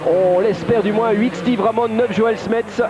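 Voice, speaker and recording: Male motorsport commentator, high voice, calling positions live through dull audio over crowd noise. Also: fairly even intonation, a little slow.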